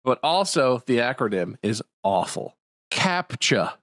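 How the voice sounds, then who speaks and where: A man's voice: medium pitch, big pitch swings, measured pace, fairly bright tone, dry recording, clean studio sound. A man co-hosting a casual comedy podcast, ranting playfully about pet peeves. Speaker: podcast co-host.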